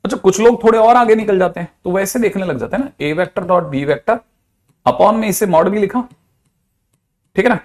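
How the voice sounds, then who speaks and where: A man's voice: sits high, normal speed, darkish tone. A man, a physics teacher giving a chatty, playful lecture. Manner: chatty, playful, with mixed Hindi-English math terms.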